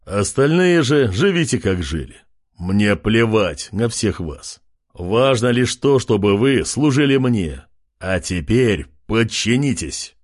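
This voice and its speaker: A man voicing an arrogant male tentacled king in a fantasy audiobook, slow, pompous and menacing, with a husky voice. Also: fairly low pitch, very animated, full character voice. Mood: haughty.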